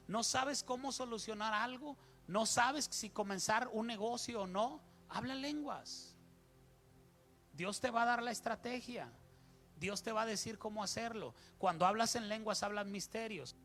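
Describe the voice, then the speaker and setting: A man's voice: high voice, moderate pace, a bit bright, faint music behind. A middle-aged man, a pastor preaching a sermon, playful and acting out little dialogues. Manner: playful, acts out little dialogues with shifting voices.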